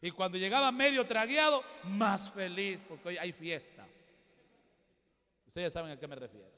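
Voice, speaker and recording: A male pastor, preaching a sermon with emphatic swings between loud exhortation and quiet asides. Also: high-pitched, normal speed. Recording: long hall reverb.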